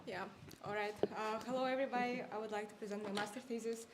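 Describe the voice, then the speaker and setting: A woman's voice: mid-range voice, fairly even intonation, fast talker, noisy background. Nervous young woman giving a thesis defense. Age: 20s. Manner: nervous, apologetic, hesitant academic delivery. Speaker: master's student defending a thesis.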